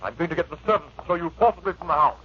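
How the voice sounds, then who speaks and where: A prim husband in an old radio play. His voice is fairly high, husky and quick, formal and sputtering with indignation. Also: expressive. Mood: outraged. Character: indignant, prim, genteel husband, easily flustered. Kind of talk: old-time radio drama acting. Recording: muffled vintage radio recording.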